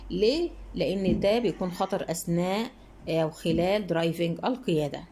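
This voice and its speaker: A young woman with an Egyptian Arabic accent teaches English grammar and answers workbook questions. Her voice is fairly low, warm, and a bit breathy; she reads English sentences slowly, explains them quickly, and keeps posing rhetorical questions to her students.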